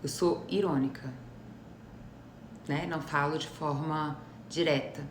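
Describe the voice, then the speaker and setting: A woman's voice: low voice, fairly even intonation, unhurried. A woman psychologist with a Brazilian Portuguese accent gives a live explanatory talk, teacherly and often checking that her listeners follow. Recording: roomy echo with faint noise.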